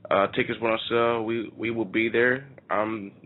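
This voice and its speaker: A man's voice: fairly low pitch, fairly even intonation, normal speed, slight background noise. Brash guy on a lo-fi line. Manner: brash, teasing, swears freely. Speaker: radio show co-host. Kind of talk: casual wrestling talk radio. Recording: phone-like lo-fi audio.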